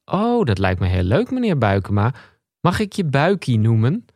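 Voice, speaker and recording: A man's voice: medium pitch, wildly swooping pitch, moderate pace, a little mellow, dry recording. A man doing a naive young tapeworm girl. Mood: friendly, naive.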